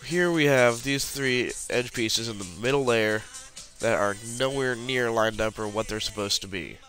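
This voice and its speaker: He's a man with a mid-range, fairly bright voice who talks at a normal speed over faint background music. He's got the flu, so he sounds congested and sniffles while casually narrating a puzzle tutorial in a screen recording, clicking through the steps.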